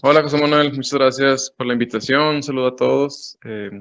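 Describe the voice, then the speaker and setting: A man from Monterrey, introducing himself in a measured, formal way over a video call. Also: mid-range voice, steady tone, fairly bright tone, no room sound. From Monterrey, Mexico. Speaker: director of a youth association. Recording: dull, dry video-call audio.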